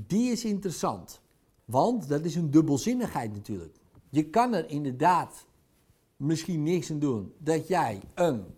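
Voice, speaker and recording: A man's voice: on the high side, darkish tone, slightly rough. A man speaking in a blunt, provocative, conversational monologue, dropping in crude words as a speaker or coach. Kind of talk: casual monologue.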